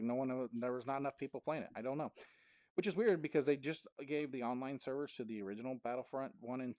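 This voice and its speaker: A man's voice: medium pitch, darkish tone, no room sound. Chatty man, dry close voice. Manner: chatty, laughs often mid-sentence. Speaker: gaming vlogger. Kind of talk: casual rambling storytelling.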